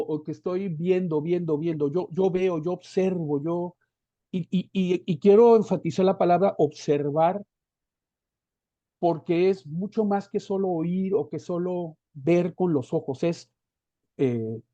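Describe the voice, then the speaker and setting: A man's voice: sits high, dark tone, no echo. A man in his fifties, a guest copywriter talking on an online call with headphones, rambling and digressive with many restarts. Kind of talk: casual conversational interview. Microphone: headphones on a video call. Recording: dull lo-fi online call audio.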